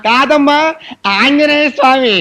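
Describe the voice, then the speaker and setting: A panicky, wailing priest. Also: male voice, very high voice, unhurried, pushed and bright, a little hiss or hum, exaggerated voice. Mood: despairing. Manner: wailing, melodramatic outbursts. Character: superstitious middle-aged male priest, easily panicked. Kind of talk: comic film dialogue.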